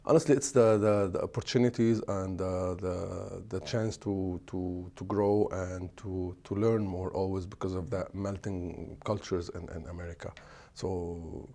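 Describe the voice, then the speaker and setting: A middle-aged Lebanese man, an executive chef, answers interview questions haltingly, often restarting while he hunts for words. His voice is low, steady and mellow.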